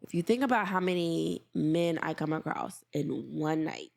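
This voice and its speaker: A woman's voice: low-pitched, normal speed, creaky. A woman co-hosting a podcast in casual chat, frank and opinionated, sometimes mimicking other people's lines. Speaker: podcast co-host.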